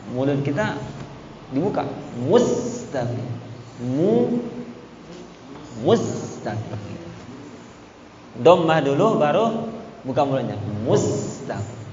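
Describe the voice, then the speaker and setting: A man teaching Quran recitation in a mosque, patiently explaining and chanting verses slowly, repeating syllables to demonstrate. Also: on the high side, a little mellow, a little hiss or hum. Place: mosque hall. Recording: echoey hall, dull lo-fi sound.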